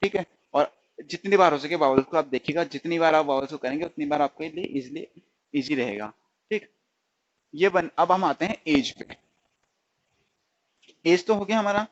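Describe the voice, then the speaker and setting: A man's voice: on the high side, normal speed, pauses often, no echo. Man teaching shorthand, dull dry sound. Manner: asks and answers his own questions, repeats each sound; slips into English definitions. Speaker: stenography teacher. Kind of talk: recorded shorthand lesson.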